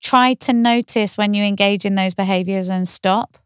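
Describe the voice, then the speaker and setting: A woman therapist co-hosting a podcast, talking calmly and reflectively, often explaining through gentle questions. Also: medium pitch, normal speed, smooth, no echo, studio quality. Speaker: therapist, co-host. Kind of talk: podcast conversation.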